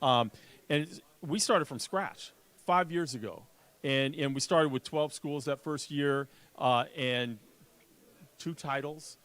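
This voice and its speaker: A man being interviewed, talking in an upbeat, conversational way with halting repeats. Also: a little high, a bit bright. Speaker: sports conference commissioner being interviewed.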